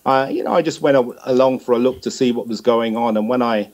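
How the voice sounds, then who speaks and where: A middle-aged man speaks fast in a medium-pitched, darkish voice, giving a conversational interview answer as a guest. He's a music promoter and manager, and he sounds hesitant, frequently repeating words as he feels his way.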